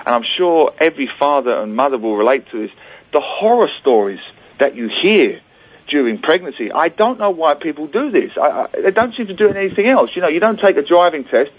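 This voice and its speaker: A man's voice: on the high side, animated, a little fast, husky, lo-fi sound. A man who grew up in Singapore, a book author guest on a radio show, telling chatty self-deprecating stories and acting out quoted lines. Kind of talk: radio interview, phone-in guest.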